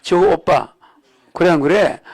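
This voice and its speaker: A man's voice: a little high, takes it slowly, a little mellow, breathy edge. A man giving a rambling sermon-style religious lecture, often checking in with the audience with "you know what I mean?". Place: lecture hall.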